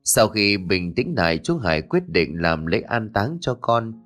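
Expressive male storyteller. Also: lowish voice, unhurried. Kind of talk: scripted ghost-story narration.

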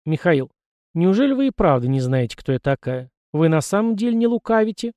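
A woman's voice: fairly low pitch, big pitch swings, a little fast, warm tone, dry recording, dull audio, voice pushed up. A man voicing a sly, playful young noblewoman in an audiobook. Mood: teasing.

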